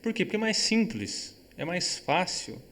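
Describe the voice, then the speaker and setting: A man from Brazil giving an online English grammar lesson, patiently explaining and checking that students follow, with example sentences read slowly and carefully. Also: high-pitched, big pitch swings, fairly bright tone. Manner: patient, repeats key words, checks understanding often. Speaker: English teacher.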